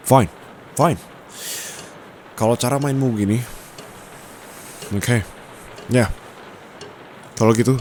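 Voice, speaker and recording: A man with an Indonesian accent plays a stern young male tutor in an intimate ASMR roleplay, his deep, low voice a little mellow and coolly dominant. He scolds firmly and formally, slipping into English phrases, recorded on a close condenser microphone with faint noise behind him.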